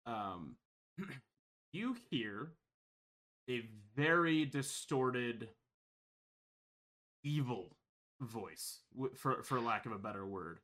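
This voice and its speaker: A man serves as game master for a tabletop horror game, describing scenes in halting, filler-heavy narration. His voice sits at a middle pitch and has a bright, forceful edge. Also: animated. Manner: halting, many ums and restarts.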